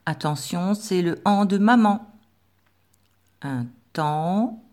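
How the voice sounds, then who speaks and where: A woman teacher giving a slow, patient dictation lesson to young pupils, spelling out sounds with careful articulation. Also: lowish voice, expressive, darkish tone. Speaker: primary school teacher.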